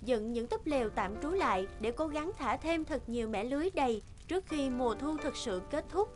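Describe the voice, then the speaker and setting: A woman narrates a cartoon, reading scripted fairy-tale lines in a high, animated voice at normal speed, with a music bed playing behind her.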